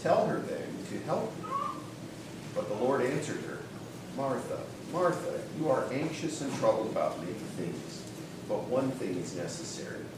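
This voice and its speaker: A man reading a passage aloud in a steady, plain manner during a church service. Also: mid-range voice, moderate pace, very noisy. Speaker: scripture reader. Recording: echoey hall from far off.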